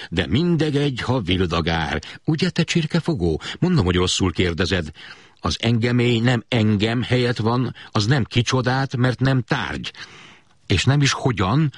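A man voicing a playful, quick-witted father who scolds and teases over a word game, his husky voice pushed higher. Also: lively intonation, no echo, clean studio sound, close to an everyday voice. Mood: teasing.

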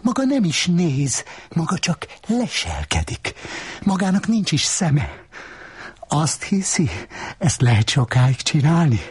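A man voicing a scornful, sharp-tongued woman who needles with mocking questions in a literary reading. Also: a little high, sing-song, husky, pitched above the performer's own voice, heavily acted. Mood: taunting.

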